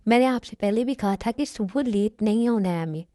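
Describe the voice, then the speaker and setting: A woman's voice: mid-range voice, fairly quick, dark tone, no echo, clean studio sound, lightly acted. A woman voicing a sulky young wife in an amateur Hindi dubbed drama, speaking in a complaining, reproachful way.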